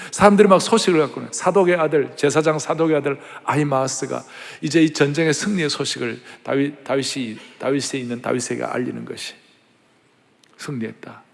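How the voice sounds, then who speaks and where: A middle-aged male pastor preaching a sermon, telling the story dramatically and swinging from hushed whispers to loud cries. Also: mid-range voice, fast talker, gravelly. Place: large church sanctuary. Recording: reverberant large church hall.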